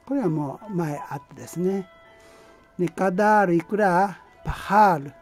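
A man giving an amateur language lesson, explaining patiently in a halting way with many pauses and fillers. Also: sits high, soft background music. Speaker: language teacher.

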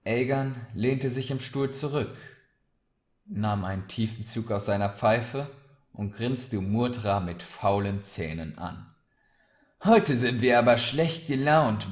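A man reading a fantasy short story aloud, slow and deliberate. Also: fairly low pitch, darkish tone. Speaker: reader of short stories. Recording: roomy echoey recording.

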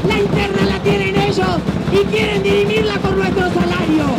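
A middle-aged Argentine woman, a teachers' union leader and legislator, shouts an impassioned, forceful rally speech outdoors into a handheld microphone. Her voice is extremely high and gravelly, and the outdoor mic picks up faint noise.

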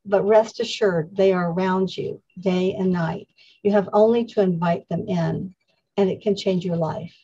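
A woman's voice: lowish voice, steady tone, measured pace, mellow, slightly rough. A middle-aged woman giving a spiritual talk as a guest speaker over a video call. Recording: dull, lo-fi video call audio.

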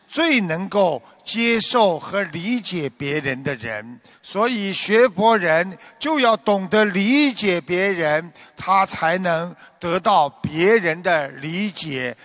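A man giving a Buddhist dharma talk as a teacher, with a measured preaching delivery that turns animated while he tells a joke. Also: high-pitched, no room sound.

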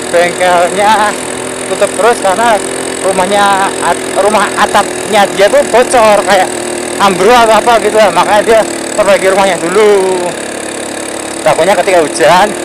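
A motovlogger narrates casually as he rides a motorcycle down a road, sitting up high. He talks slowly and rambles, repeating phrases and pausing to recall words, with engine and road noise all around.

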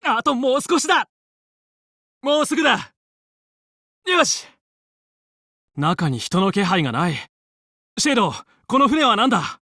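Video game hero, determined young fox pilot: high male voice, commanding, earnest, dry recording. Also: big pitch swings, measured pace, long pauses, sharp tone, no room sound, exaggerated voice. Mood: focused. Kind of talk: Japanese video game voice acting, battle callouts.

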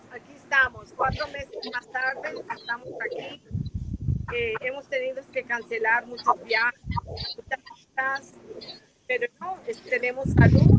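Fields: Sex: woman. Role: interview guest. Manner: unhurried, chatty. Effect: heard over a noisy phone connection with interference. Pitch: high. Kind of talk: casual interview answers. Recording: noisy, crackly phone call.

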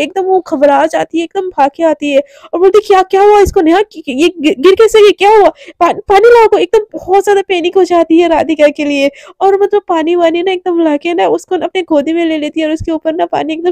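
A woman's voice: sits high, mellow, no echo. A woman narrating a romance story casually, chatty and full of fillers. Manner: chatty, with many fillers and restarts.

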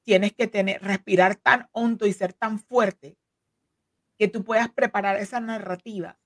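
Here the voice is medium-pitched, measured, and fairly even in intonation, recorded dry with clean studio sound. She is a woman in her forties whose first language is Spanish, working as an immigration legal counsel and appearing as an interview guest; she explains things earnestly, with lots of fillers and restarts, over a video call from her home office using a desk mic.

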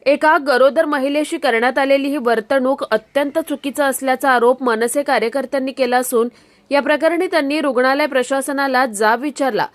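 A woman reporter narrating a news story in a formal, measured delivery. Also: high voice, dry recording.

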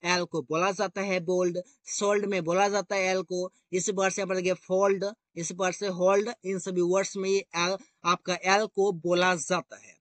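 A man's voice: high-pitched, level tone, moderate pace, few pauses, fairly bright tone, dry recording. A man teaching English grammar rules in a repetitive, explanatory way, often calling his viewers guys.

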